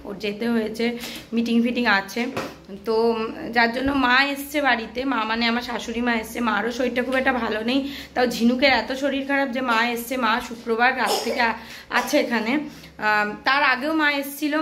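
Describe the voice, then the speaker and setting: A woman from Kolkata talks casually to her camera at home. Her voice is hoarse and a little high, and her rambling, weary talk sounds fretful. Faint noise sits behind her. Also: a bit bright. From Kolkata, West Bengal. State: hoarse, sore throat. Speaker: vlogger, mother of a baby. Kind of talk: casual home vlog chat. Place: home indoors.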